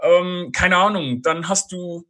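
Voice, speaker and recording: A man's voice: high-pitched, slow, bright, forceful tone. A Swiss man with a Swiss German accent, a guest in a casual podcast interview, chatty and full of fillers and laughs. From Switzerland. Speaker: guest, online marketer.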